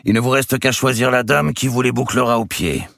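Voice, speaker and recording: A man voicing a boisterous giant nobleman, loud, mocking and theatrical, in an audiobook reading. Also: mid-range voice, brisk, gravelly, no room sound, clean studio sound, pitched above the performer's own voice. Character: boisterous giant male nobleman, swaggering and sly. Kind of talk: audiobook character voice.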